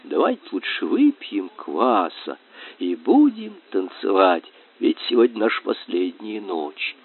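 A man voicing a gentle young female shrew, soothing and slow, on a tinny, dry recording. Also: lowish voice, very animated, exaggerated voice. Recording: tinny dry phone-like sound.

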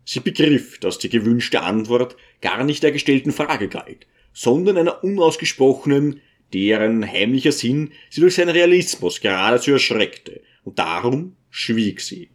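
A man reading a novel aloud as scripted narration, in a measured, steady way. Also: medium pitch. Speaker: audiobook reader.

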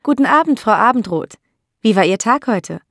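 A woman's voice: a little high, animated, moderate pace, vocal fry, fairly bright tone, dry recording, clean studio sound, pitched above the performer's own voice. A woman voicing a polite, anxious young female educator. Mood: friendly. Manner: polite, turning fearful.

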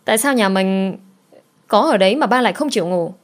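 A woman's voice: medium pitch, expressive, brisk, close to an everyday voice. A woman voicing a sad young girl who pleads tearfully with her mother. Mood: pleading.

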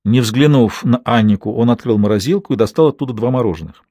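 Dry, expressive male audiobook narrator. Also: medium pitch, quick pace, dry recording. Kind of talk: dramatic novel reading.

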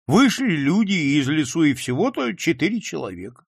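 A man narrating an audiobook in an expressive storytelling manner. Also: on the high side, normal speed, vocal fry, husky, no room sound, studio quality. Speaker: audiobook reader. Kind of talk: scripted narration.

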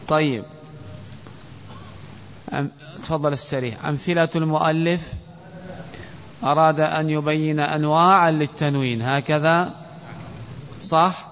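A man's voice: on the high side, a bit bright. A man teaching a classroom grammar lesson, quizzing students and calling on them by name. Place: classroom or mosque hall. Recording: lo-fi recording with long hall reverb.

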